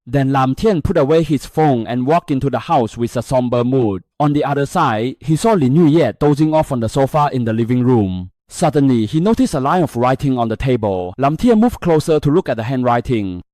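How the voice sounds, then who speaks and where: A male narrator reads through a comic story recap with a very animated, rising-and-falling delivery. His voice sits at an ordinary middle pitch and is recorded close and dry, with no room echo. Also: brisk, hardly any pauses.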